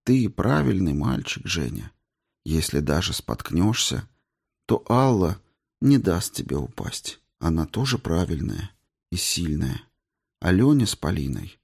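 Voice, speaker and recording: A man voicing a sad, mysterious grandmother who speaks softly and wearily. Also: low-pitched, very animated, a little slow, creaky, slightly rough, exaggerated voice. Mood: tender. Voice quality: hushed, rustling. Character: sad, mysterious grandmother, soft-spoken, weary.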